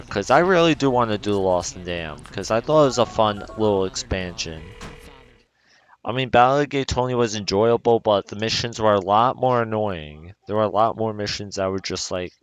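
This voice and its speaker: Playing games at home, a New York guy with a low, smooth and slightly bright voice offers rambling, slang-heavy, profane commentary in let's-play style.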